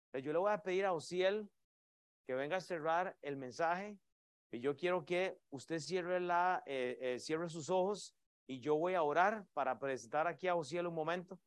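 High-voiced preacher. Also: male voice, moderate pace, smooth, dry recording. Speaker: pastor. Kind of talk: sermon.

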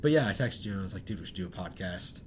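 Talking very fast with lively intonation in a low-pitched voice, a young adult podcast co-host rambles through casual, self-deprecating chat and laughs often. A slight hiss or hum can be heard.

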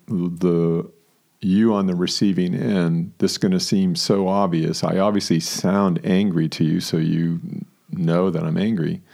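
Guy with a really low mellow voice, casual chat as co-host, laughs a lot and acts out quotes. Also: creaky. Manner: relaxed, laughs often, acts out quoted lines. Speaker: podcast co-host. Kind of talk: casual conversational talk.

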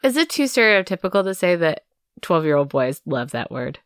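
A woman with a notably low voice co-hosts a podcast, chatting casually and teasing her partner with playful jokes. Her voice sounds dry and close to the mic, with no room around it. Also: very animated, brisk, clear, resonant tone, no room sound. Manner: playful, jokey. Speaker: podcast co-host. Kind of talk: casual chat.

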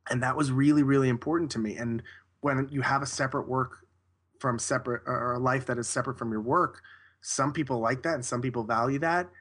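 A man's voice: mid-range voice, fairly even intonation, a little fast, fairly bright tone. A man talking casually as an interview guest, rambling and correcting himself as he goes. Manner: rambling, self-correcting, with frequent restarts.

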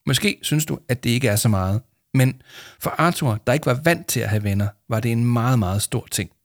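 A man narrating a children's storybook aloud in a calm storytelling manner. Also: mid-range voice, no room sound, clean studio sound. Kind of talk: storybook reading.

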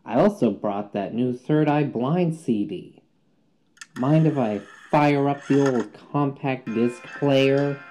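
A man's voice: mid-range voice, takes it slowly, dark tone, soft background music, natural voice. A man voicing a laid-back stoner party guest with a drawling delivery.

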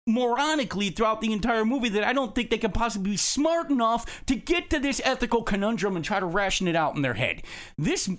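Emphatic, high-voiced man reviewing film. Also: a bit bright. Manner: emphatic, scathing, long-winded critique. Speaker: film review show co-host. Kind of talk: opinionated film review discussion.

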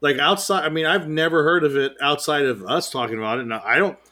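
A man's voice: on the high side, fast. A young man co-hosting a podcast, telling stories animatedly in casual chat. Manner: animated storyteller, laughs often. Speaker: podcast co-host.

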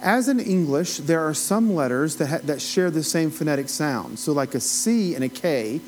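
A man's voice: fairly high pitch, expressive, normal speed, a little mellow, slight background noise. A man with an Appalachian accent teaching a Bible study in a conversational, folksy way, with rambling asides and questions to his listeners. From Appalachia, United States. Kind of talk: informal teaching, conversational lecture.

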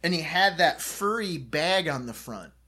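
A man's voice: a little high, lively intonation, unhurried, bright, forceful tone. A man in casual chat telling a rowdy anecdote, loose and chatty, with swearing.

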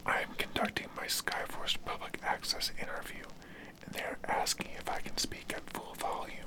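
A man's voice: moderate pace, close to an everyday voice. A man playing a nervous male animal-authority representative who stammers and will only speak in a whisper. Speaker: interview guest.

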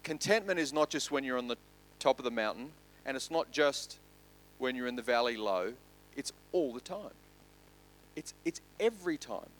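A man pastor preaching a sermon, building loud and quick through lists and then dropping to soft, slow emphasis. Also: medium pitch, expressive.

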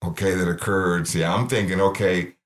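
Deep-voiced man telling his testimony. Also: moderate pace. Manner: earnest storytelling, acts out quoted voices. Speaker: ministry founder. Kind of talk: personal testimony in interview.

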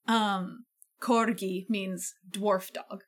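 A woman's voice: medium pitch, fairly even intonation, extremely slow. A woman hosting a radio show from a living room studio, chatty and patient as she explains words, often laughing. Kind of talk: casual chat.

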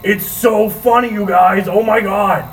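A man's voice: high-pitched, steady tone, unhurried, soft background music. A man playing a huge, dim, laid-back Frankenstein monster who talks like a surfer dude in an improvised comedy podcast bit. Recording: distant mic with faint background noise.

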